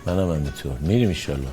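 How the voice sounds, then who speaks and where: An actor playing a playful, affectionate middle-aged lover in a film drama, talking in a low, relaxed, teasing way. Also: male voice.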